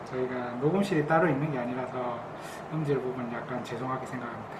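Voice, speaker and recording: A woman's voice: extremely low pitch, fast. A woman hosting a show in a casual, conversational way, speaking through a face mask. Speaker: show host. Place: makeshift indoor room, not a studio. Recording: echoey room, clear air-conditioner noise.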